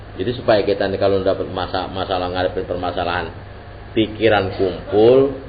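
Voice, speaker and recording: A man giving an informal Islamic religious lesson, joking in casual slang. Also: deep voice. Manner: casual Jakarta-slang preaching, lively and joking. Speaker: Islamic teacher. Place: religious gathering hall. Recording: dull lo-fi recording with faint hiss.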